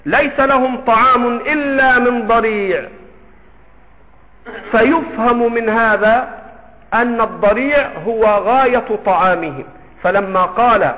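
A man with an Egyptian accent, a sheikh explaining a classical creed text, posing questions and answering them slowly and emphatically. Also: very high-pitched. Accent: Egyptian Arabic. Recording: echoey hall over a tinny phone-like line.

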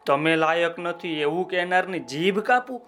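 A man voicing a sly, flattering pot-bellied man who fawns with drawn-out welcomes in a children's story. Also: on the high side. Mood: coaxing.

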